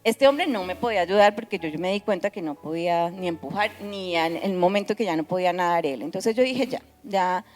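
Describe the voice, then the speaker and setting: A woman giving a testimony at a church service, telling her story in an animated way with frequent restarts. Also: on the low side, brisk, few pauses, in a large hall. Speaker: pastor.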